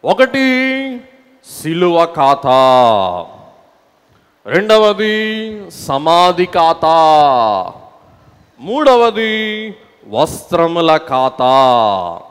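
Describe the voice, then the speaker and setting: Telugu accent preacher guy, slow deliberate sermon, clear smooth voice bouncing round a big hall. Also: on the high side, very animated. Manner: calls out to the congregation to answer aloud; breaks into sung hymn lines. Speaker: pastor. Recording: long hall reverb.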